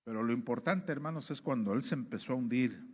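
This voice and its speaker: A man from Mexico preaching a sermon, constantly calling out to his brothers with rhetorical questions and halting restarts. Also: mid-range voice.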